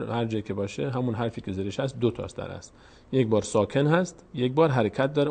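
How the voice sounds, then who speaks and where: A man teaching a step-by-step Quran reading lesson, patiently explaining each vowel mark and repeating words slowly. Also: mid-range voice, gravelly, darkish tone.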